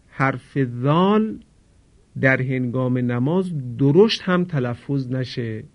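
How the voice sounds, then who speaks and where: A man teaching Quran recitation in a formal radio lesson, slowly demonstrating how to pronounce each sound. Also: a little high. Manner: slow, careful demonstration of sounds; formal and polite. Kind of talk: radio lesson on Arabic pronunciation. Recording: dull lo-fi radio recording.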